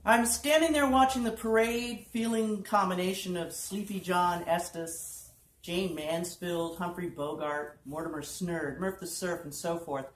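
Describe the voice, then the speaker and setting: A woman's voice: on the low side, steady tone. Woman reading prose aloud in an echoey room. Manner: measured, deliberate reading with pauses on lists. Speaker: poetry reader. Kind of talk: live prose reading at an art walk. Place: art lofts gallery, indoors. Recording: roomy room reverb, faint background hum.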